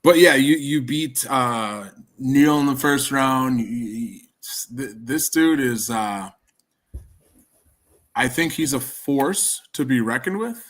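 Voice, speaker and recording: A man's voice: medium pitch, lively intonation, takes it slowly, fairly bright tone. Rambling man with a Wisconsin accent. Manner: rambling, many restarts and fillers. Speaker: podcast host. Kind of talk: casual chat.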